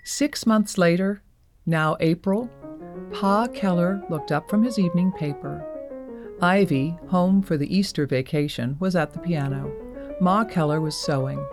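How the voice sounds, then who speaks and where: A woman narrating an audio drama in a measured storytelling manner. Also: fairly low pitch, music in the background.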